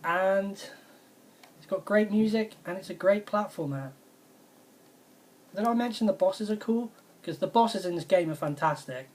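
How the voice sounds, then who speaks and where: A woman's voice: mid-range voice, expressive, unhurried, long pauses, a little mellow. A woman, casually reviewing her favourite retro video games in an enthusiastic, rambling way and repeating her praise. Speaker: video game vlogger.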